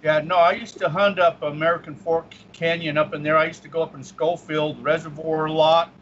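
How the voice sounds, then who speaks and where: Give me a man from Utah talking casually on a live call-in show, with a fairly high voice over a muffled, lo-fi line. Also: level tone, a little fast, a bit bright, a little hiss or hum. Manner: chatty, jokey, laughs often. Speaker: guest radio host. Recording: slightly dull lo-fi sound.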